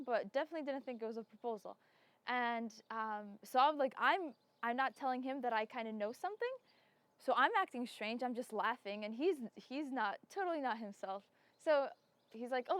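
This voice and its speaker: A woman's voice: high voice, dry recording. A young woman casually telling a personal story, chatty, with many fillers, restarts and frequent laughs. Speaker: bride telling her proposal story.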